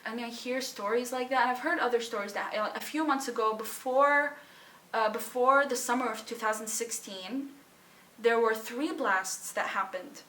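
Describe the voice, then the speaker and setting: A young woman from Syria shares a personal account in a bright, somewhat high voice. She speaks haltingly and emotionally, with pauses and sighs. The recording sounds roomy and a little distant from the mic. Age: young adult. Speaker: student sharing her story. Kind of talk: personal testimony.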